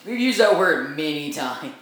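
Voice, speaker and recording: A man's voice: a little high, big pitch swings, moderate pace, a bit bright, a little hiss or hum. Young man gushing about games, echoey room. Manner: enthusiastic, rambling, laughs often. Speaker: podcast co-host. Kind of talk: casual gaming podcast chat.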